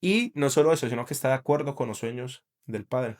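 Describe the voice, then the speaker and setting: A man's voice: medium pitch, brisk, darkish tone. A middle-aged man co-hosting a faith podcast, speaking earnestly and thinking aloud, often checking in with his listener. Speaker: podcast co-host. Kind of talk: casual faith podcast chat.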